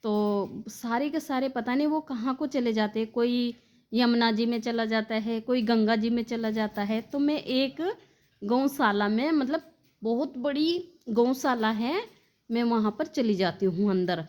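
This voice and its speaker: A woman narrating a devotional story in a slightly high voice. She speaks fondly and directly to her listeners as dear devotees, in a plain storytelling manner. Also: unhurried, darkish tone.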